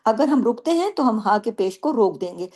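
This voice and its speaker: Female tajweed teacher, slightly high voice, patient step-by-step explanations, poses her own questions and answers them, slow drawn-out recitation between points. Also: sing-song, a little mellow.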